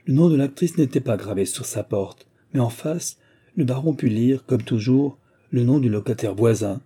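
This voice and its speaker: A man narrating a novel as a scripted audiobook, in a measured, even manner. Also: mid-range voice, slightly rough.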